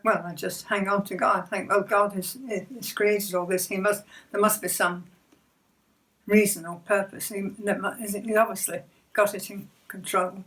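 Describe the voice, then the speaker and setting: An older woman recounts her faith story in a gentle, halting way, circling back over her words with small soft laughs. Her voice sits at an ordinary middle pitch. The mic catches her from a little distance. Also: little pitch movement. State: emotional near the end. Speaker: church member sharing testimony. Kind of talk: personal faith testimony.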